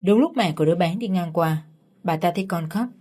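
A woman's voice: lowish voice, a little fast, mellow. A woman narrating a dramatic story in the first person, reading all the characters' lines herself. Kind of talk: storytelling narration with voiced dialogue.

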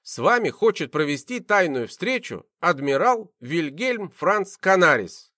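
A man's voice: fairly high pitch, very animated, a little slow, sharp tone, no room sound, studio quality, heavily acted. A man voicing a polite male assistant, reporting deferentially to his boss in an audiobook.

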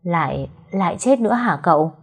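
A woman's voice: fairly low pitch, expressive, normal speed, breathy edge. A woman voicing a young wife who speaks sharply and reproachfully in an audio story. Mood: worried. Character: young wife, firm and worried.

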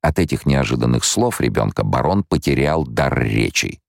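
A man narrating an audiobook in an expressive storytelling manner. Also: extremely low pitch, moderate pace, creaky, no room sound, clean studio sound.

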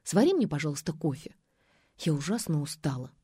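A woman's voice: low voice, very animated, fairly quick, dark tone, breathy edge, no echo, studio quality, exaggerated voice. A woman reading an audiobook, voicing a tired young woman who grumbles and refuses. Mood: grumpy. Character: young woman, weary and grumpy.

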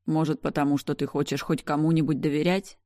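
A woman reading an audiobook, voicing a tender young brother who appears in a dream, speaking softly and calmly. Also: low voice, a little fast, no room sound, studio quality, close to an everyday voice. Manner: soft, calm and affectionate.

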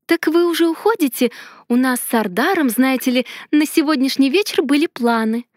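A woman's voice: high voice, animated, moderate pace, no echo, clean studio sound, voice pushed up. Woman voicing a fiery mocking young witch. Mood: sweetly mocking. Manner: sarcastic, then shouting in anger. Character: sharp-tongued young witch heroine, fiery. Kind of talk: audiobook character voice.

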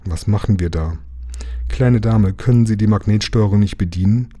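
Lukas, gruff steady engine driver, voiced by a man. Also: lowish voice, normal speed, natural voice. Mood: resolute. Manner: gruff, grumbling. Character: burly good-natured engine driver, calm and steady.

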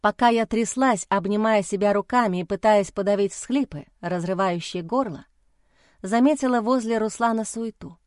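A woman reading a first-person novel aloud in a steady, measured way. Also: medium pitch, no echo, studio quality. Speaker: audiobook narrator.

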